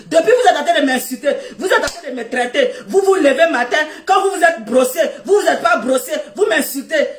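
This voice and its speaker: A middle-aged woman with a West African French accent, loud and laughing as she scolds her viewers on a Facebook live. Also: high-pitched, recorded from a distance. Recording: echoey room, off-mic.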